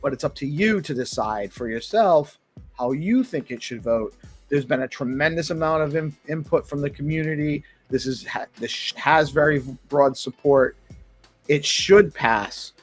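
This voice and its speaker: A man's voice: on the high side, breathy edge. A man hosting a casual live community talk, emphatic and given to repeating his points. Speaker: talk show host.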